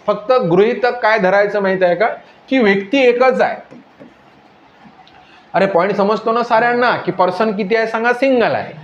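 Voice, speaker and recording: A man with a high voice teaches grammar to a classroom, repeatedly prompting the students to answer. The room sounds echoey. The recording is dull and lo-fi, with faint noise underneath. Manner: drilling questions, repeatedly prompting "tell me". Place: classroom with a board.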